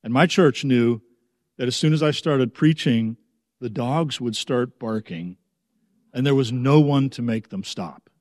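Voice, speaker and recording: A man preaches slowly and thoughtfully from the pulpit, his mid-range voice settling into measured phrases. His sermon carries the long reverb of a sanctuary. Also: mid-range voice, darkish tone. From United States. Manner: slow, measured, reflective delivery. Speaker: pastor.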